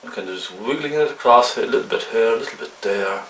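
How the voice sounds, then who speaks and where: A man giving a casual hands-on painting tutorial in a gentle, chatty, coaxing way, often checking in with the viewer. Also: medium pitch, expressive, fast. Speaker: painting instructor. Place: indoor room, painting at a canvas. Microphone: camcorder at a distance. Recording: roomy, distant camcorder mic, faint noise.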